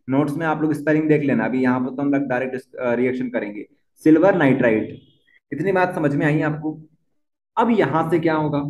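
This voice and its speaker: Teacher, male, young adult, fairly high voice, repeats steps for the class, dull echoey room. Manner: repeats key points, asks questions to the class. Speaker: chemistry teacher. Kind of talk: board-exam lesson at a whiteboard.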